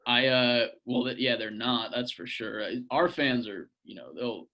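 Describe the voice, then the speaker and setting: A man's voice: mid-range voice, a little slow, creaky, sharp tone. A young man co-hosting a casual podcast, cracking crude jokes and trailing off into fillers. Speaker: podcast co-host. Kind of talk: casual chat.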